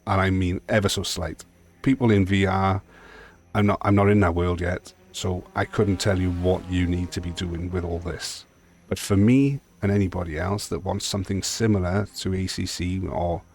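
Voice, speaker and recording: A man's voice: low-pitched, darkish tone. A man with a Welsh accent giving a casual, blunt and rambling walkthrough of game settings as a video host. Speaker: sim racing video host.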